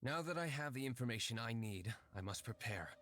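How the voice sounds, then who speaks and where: A man's voice: mid-range voice, animated, a little fast, a bit bright, no echo, studio quality, close to an everyday voice. A man voicing a cold, menacing young nobleman vigilante in a video game, speaking formally and with control. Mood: cool, formal.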